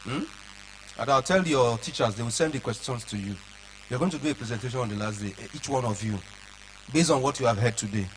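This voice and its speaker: A man lecturing children on public speaking, animated and checking often that they follow along. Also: mid-range voice, quick pace, noisy background.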